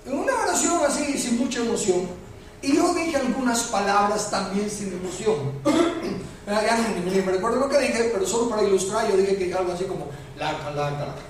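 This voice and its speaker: A male pastor preaching a storytelling sermon, animated and building to shouts. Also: high voice, moderate pace, slight background noise. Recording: echoey hall recorded from far off.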